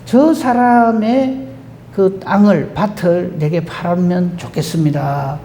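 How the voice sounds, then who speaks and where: A preacher acting out a humble, polite old patriarch making a slow, courteous request. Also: male voice, sits high, fairly even intonation, mellow, slight background noise.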